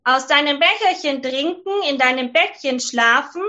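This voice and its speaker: A woman's voice: high voice, lively intonation, normal speed, sharp tone, dull audio. A woman voicing a male frog who bargains with a princess in a read-aloud fairy tale. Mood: coaxing.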